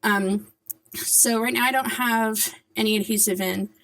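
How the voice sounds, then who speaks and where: A woman's voice: on the high side, steady tone, a bit bright, low-quality recording. Woman with slightly whistling, lisped S sounds. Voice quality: slight lisp with hard, whistling S sounds from dentures. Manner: deliberate, careful articulation around dentures. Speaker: vlogger. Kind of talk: casual talk to camera.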